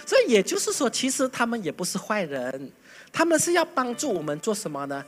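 A pastor giving a lively sermon full of acted stories, breaking into loud bursts. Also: medium pitch, brisk, soft background music. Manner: animated, loud bursts, mimics chanting.

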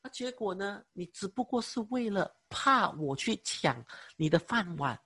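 A young man preaching and giving a personal testimony, halting with many fillers, speaking with emotion. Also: sits high, animated, pushed and bright, slightly rough. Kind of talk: sermon testimony.

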